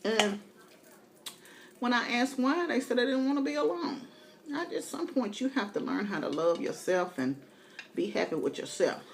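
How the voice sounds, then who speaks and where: A woman's voice: fairly high pitch, expressive, normal speed, a little hiss or hum. A middle-aged woman eating as she talks, telling candid, colloquial stories in a casual mukbang chat. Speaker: mukbang vlogger.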